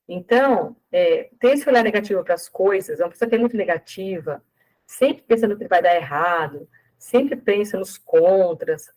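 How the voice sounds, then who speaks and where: A woman's voice: on the low side, darkish tone, rough recording. Brazilian woman giving a casual live talk. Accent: Brazilian Portuguese. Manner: conversational, frequent fillers and tag questions. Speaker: speaker giving a talk on self-sabotage.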